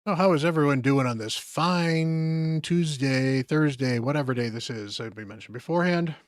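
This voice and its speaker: A mid-range male voice at normal speed, captured in studio quality with no room sound, belongs to a tired gamer live-streaming. He rambles along, muttering casual remarks and chatting with his viewers.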